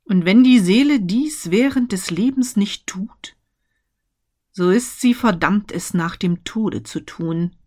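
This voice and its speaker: A woman voicing the mournful ghost of a dead businessman, speaking solemn, slow warnings. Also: mid-range voice, a little mellow.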